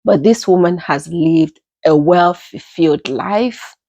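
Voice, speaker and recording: A young woman vlogger, telling a family story in a casual, animated way, acting out the people she quotes. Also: on the low side, slow, dry recording. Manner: animated retelling with quoted voices and laughs.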